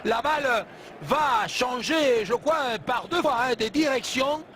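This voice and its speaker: Extremely high-pitched, emphatic male football analyst. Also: a bit bright. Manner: emphatic, repeats and rephrases points, halting hesitations. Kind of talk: animated sports commentary, analysing plays. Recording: clear background noise.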